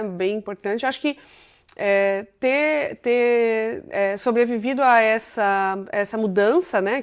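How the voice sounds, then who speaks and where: At medium pitch, a woman in her forties from Brazil, head of a company, shares her life story as an interview guest with a clear, resonant tone. She chats eagerly and keeps adding small tag questions.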